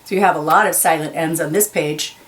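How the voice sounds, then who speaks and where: Reading a children's picture book aloud, this woman speaks in a low, slightly bright voice with fairly even intonation. Her delivery is slow and deliberate, and she enunciates and carefully stresses key words, explaining them in simple terms for young listeners.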